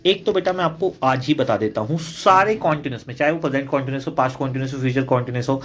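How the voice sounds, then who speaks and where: A man's voice: mid-range voice, rapid-fire, slight background noise. A young man with an Indian accent teaching an English grammar lesson, patiently explaining and repeating example sentences for his students.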